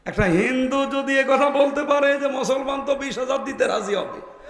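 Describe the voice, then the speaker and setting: A man preaching a fervent sermon to a gathering, shouting key phrases for emphasis. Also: very high-pitched, normal speed, echoey room, background noise. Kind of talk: waz sermon. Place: outdoor religious gathering with PA.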